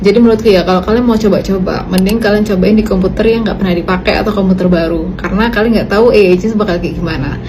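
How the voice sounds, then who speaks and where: A young woman with an Indonesian accent explains casually, posing her own questions and mixing in English phrases. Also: medium pitch. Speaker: tech content creator. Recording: clearly noisy ambient background.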